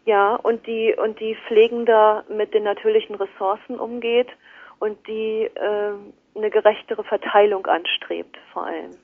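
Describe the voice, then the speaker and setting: A woman's voice: medium pitch, steady tone, measured pace. A woman speaking as a guest in a radio interview, thoughtful and hesitant with many fillers, heard over a phone line. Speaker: guest, works at a financial institution. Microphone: telephone.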